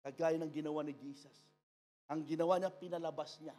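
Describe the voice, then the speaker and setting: A man with a Filipino accent preaching a sermon as a pastor, mixing Tagalog and English and rising to shouts. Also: fairly high pitch, fairly even intonation, brisk. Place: church.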